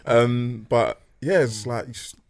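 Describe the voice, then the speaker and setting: A man's voice: medium pitch, a little slow, gravelly. A man hosting a podcast in casual chat, laid-back and full of "like" and "man". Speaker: podcast host.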